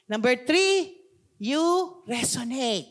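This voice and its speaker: A woman's voice: a little high, expressive, takes it slowly. A woman pastor with a Filipino accent preaching a sermon, switching between languages and asking the congregation questions. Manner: mixes two languages, asks the congregation questions.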